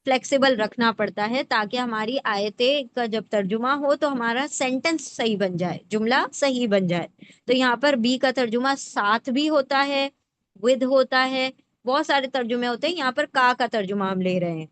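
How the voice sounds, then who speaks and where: A woman teaching the Quran word by word in a patient lesson, breaking words into parts and often checking in with the listener. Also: fairly high pitch. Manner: checks in often with rhetorical questions. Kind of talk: explanatory lesson.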